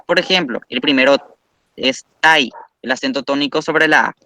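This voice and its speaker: A man's voice: medium pitch, a little fast, sharp tone. A man teaching a language class, explaining patiently step by step and praising students.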